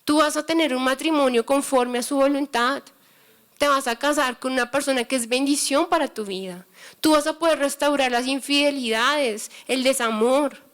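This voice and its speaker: A woman's voice: high voice, normal speed, fairly bright tone. A woman preaching a sermon, telling stories with acted-out dialogue and exhorting her listeners.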